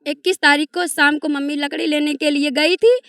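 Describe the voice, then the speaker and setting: A woman's voice: high voice, steady tone, normal speed, fairly bright tone. A young woman with an eastern Uttar Pradesh accent, grief-stricken and agitated, giving emotional testimony to a reporter as the victim's daughter.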